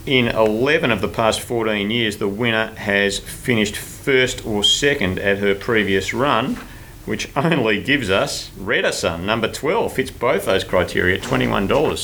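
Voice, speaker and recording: A man's voice: lowish voice, bright, forceful tone. A man hosting a horse racing preview, talking through tips in a stop-start, hesitant way. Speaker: racing show host. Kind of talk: horse racing tipping talk. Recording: faint background noise.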